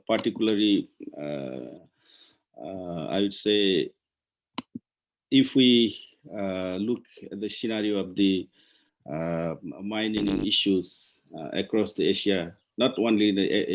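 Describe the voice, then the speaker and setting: A man from Nepal, giving halting guest remarks on a video call, with many pauses and restarts. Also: low voice. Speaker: guest speaker. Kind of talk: virtual meeting remarks.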